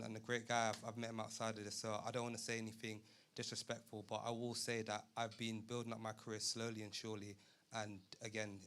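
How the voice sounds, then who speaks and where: A man speaking as a boxer at a press conference, measured, respectful and confident. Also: on the low side, a bit bright, slight background noise.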